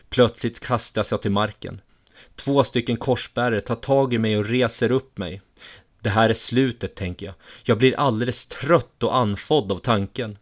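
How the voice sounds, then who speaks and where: A man reading a first-person story aloud in a steady, measured way. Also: medium pitch.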